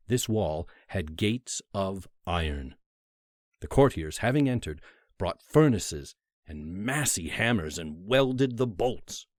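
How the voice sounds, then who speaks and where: This dramatic literary audiobook of a classic horror story features a man with a lowish, darkish voice, delivering theatrical, deliberate lines with emphatic pauses. The sound is dry and cleanly studio-recorded.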